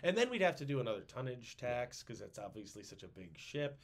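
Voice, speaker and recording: A man's voice: medium pitch, fairly quick. A man hosting a casual history podcast, joking around and slipping into silly voices. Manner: animated, jokey, puts on silly voices. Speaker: podcast host.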